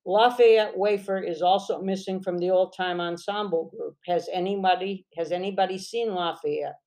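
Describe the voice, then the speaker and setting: An urgent woman festival organizer calls out loud announcements to a crowd, as a woman reads her lines from a novel. Her voice sits low and even, with the push of someone making herself heard. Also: moderate pace, close to an everyday voice, rough recording.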